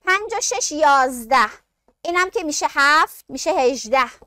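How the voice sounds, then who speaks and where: A woman gives a classroom science lecture in a fairly high voice. She asks questions, answers them herself, and calls her students by fond names. The recording is close and dry with no room sound. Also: animated, bright, forceful tone, no room sound. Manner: addresses students affectionately. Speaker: science teacher.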